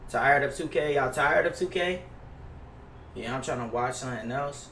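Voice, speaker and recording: A young adult American man streams games from an indoor gaming setup, chatting casually with his viewers in slangy, profane talk that often repeats itself. His mid-range voice moves at a normal speed and sounds pushed and bright. The gaming headset mic picks him up distantly, giving a roomy recording with noise.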